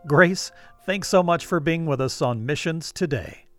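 Radio host, male, slightly higher voice, measured delivery, light music under him. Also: fairly bright tone. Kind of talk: scripted radio host narration and interview.

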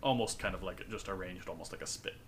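A man's voice: low voice, fast, a bit bright, a little hiss or hum. A man narrating as game master, rambling with lots of ums and likes. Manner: rambling, many fillers.

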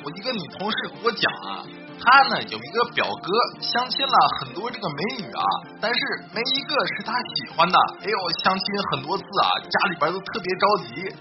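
A man's voice: high voice, sing-song, fast talker, few pauses. A man telling comic stories in a chatty way, talking to a sidekick and laughing at his own jokes, over a dull recording with music behind. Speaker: joke-telling host. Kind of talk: comic storytelling.

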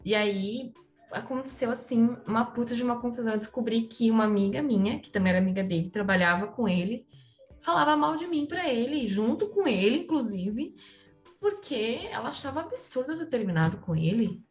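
A woman's voice: a little high, expressive, fairly quick, soft background music. Candid young Brazilian woman telling her story. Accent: Brazilian Portuguese. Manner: candid, chatty, full of fillers and asides to the listeners. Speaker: interview guest. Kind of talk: casual personal storytelling.

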